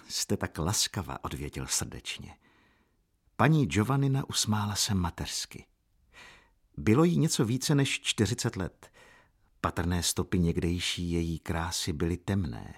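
Husky low-voiced male narrator. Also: a little mellow. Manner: measured, unhurried storytelling. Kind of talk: audiobook narration.

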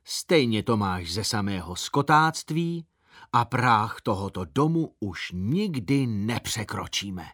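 A man doing a shrill, thin-voiced nagging aunt. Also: sing-song, fairly bright tone, dry recording, studio quality. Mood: huffy. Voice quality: very thin, high voice. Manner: scolding and preachy. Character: shrill, nagging, stingy middle-aged aunt.

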